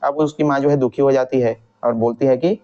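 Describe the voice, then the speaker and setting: A male teacher explaining a textbook lesson, putting each quoted line into plain everyday words. His voice is mellow and relaxed. The recording sounds dull and lo-fi. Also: mid-range voice, brisk. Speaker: Hindi teacher.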